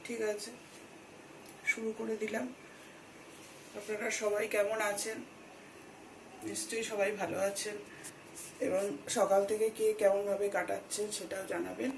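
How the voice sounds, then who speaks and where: A woman chatting to her viewers while cooking at home, speaking softly at times. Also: mid-range voice, little pitch movement, moderate pace, vocal fry, pauses often, reverberant, background noise. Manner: speaks softly so as not to wake the household. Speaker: vlogger. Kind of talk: casual home vlog narration. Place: home kitchen.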